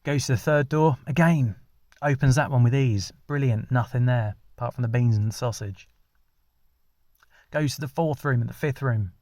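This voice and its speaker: Male storyteller, deadpan ad-lib narration, mid pitch, dry close-miked sound. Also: moderate pace, no room sound. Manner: rambling, deadpan, many restarts. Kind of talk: ad-libbed comic storytelling.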